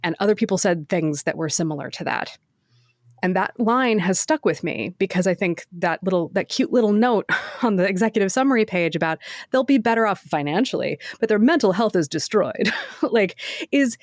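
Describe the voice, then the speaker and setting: A woman co-hosting a casual podcast discussion, animated and quick to laugh, acting out quoted answers. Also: medium pitch, no room sound, studio quality. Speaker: podcast co-host.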